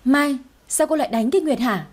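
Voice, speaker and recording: A woman voicing a stern, quick-tempered older lady of the house who scolds and gives orders. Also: sits high, dark tone. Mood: scolding. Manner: scolding, commanding.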